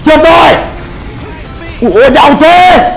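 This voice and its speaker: A man's voice: very high-pitched, lively intonation, takes it slowly, creaky, soft background music, low-quality recording. A man giving casual gameplay commentary, swearing and crying out in pain as he plays. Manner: swears, cries out in pain during play. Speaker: gamer streamer.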